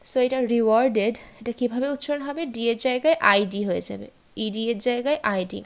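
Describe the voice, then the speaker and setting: A woman teaching English pronunciation rules in a bilingual lesson, slowly repeating and spelling out example words. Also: fairly high pitch, vocal fry.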